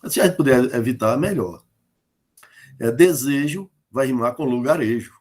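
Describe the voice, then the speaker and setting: Male lecturer from Northeast Brazil, mid-pitched, halting explanatory delivery with frequent fillers. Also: a little mellow. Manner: halting, many fillers and tag questions; explains with spoken word examples. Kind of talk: online lecture on rhyme in folk poetry.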